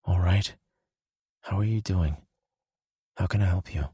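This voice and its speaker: A man's voice: low voice, unhurried, mellow, slightly rough, no echo, clean studio sound, heavily acted. A man voicing a kind-hearted, joking young male friend in an audiobook. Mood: warm teasing. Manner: easygoing, joking. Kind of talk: audiobook character voice.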